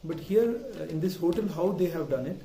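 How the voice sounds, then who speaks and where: Male vlogger, Malayali accent, unhurried and fairly high-pitched, code-mixing Malayalam and English; distant, echoing sound. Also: lively intonation, vocal fry, warm tone. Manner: mixes Malayalam and English, switching mid-sentence. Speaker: vlog presenter. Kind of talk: casual vlog talk. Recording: roomy, distant mic with music behind.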